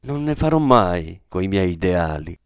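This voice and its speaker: A proud, dreamy young woman holds to her ideals in a radio-play reading, voiced by a male reader. She speaks in a restrained, firm way, with lively pitch. The recording is dry and close. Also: a little slow, smooth, dry recording, full character voice.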